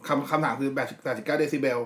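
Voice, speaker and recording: A man co-hosting a podcast in a quick, blunt casual chat, often cutting in. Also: mid-range voice, a bit bright, slight background noise. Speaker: podcast co-host.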